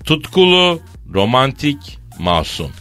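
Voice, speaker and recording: A man's voice: mid-range voice, big pitch swings, takes it slowly, loud music behind the voice. A man hosting a morning radio show, chatting casually and telling long comic anecdotes. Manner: jokey storyteller, spins long anecdotes.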